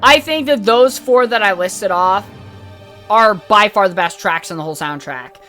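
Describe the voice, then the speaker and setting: A woman's voice: medium pitch, moderate pace, a bit bright, faint music behind. Rambling, candid woman podcaster. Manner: rambling and candid, frequent fillers and swearing. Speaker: podcast host reviewing a video game. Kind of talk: casual opinionated review.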